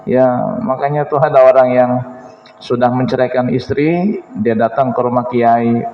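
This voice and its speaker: A man's voice: mid-range voice, steady tone, normal speed. Man preaching in an echoey mosque. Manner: chatty, jokes with the congregation, laughs. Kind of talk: mosque sermon. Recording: echoey hall, dull lo-fi sound.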